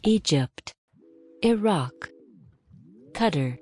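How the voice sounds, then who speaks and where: Slow, deep female game announcer voice. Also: faint music behind. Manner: flat announcing of single names. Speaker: game voice reading place names.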